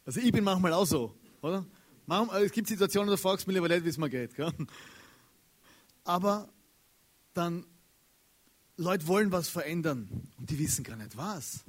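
A man preaching, his voice sitting a touch higher than most men's. He talks in a loose, slangy way rather than a formal pulpit tone. He is animated and chatty, and keeps nudging his listeners for agreement. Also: moderate pace, pauses often. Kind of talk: casual, slangy sermon.

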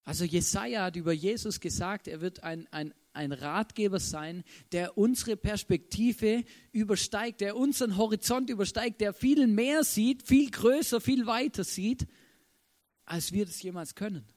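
A man's voice: sits high, moderate pace. A man preaching a casual sermon, chatty and often checking in with the audience. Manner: chatty, keeps asking "oder?".

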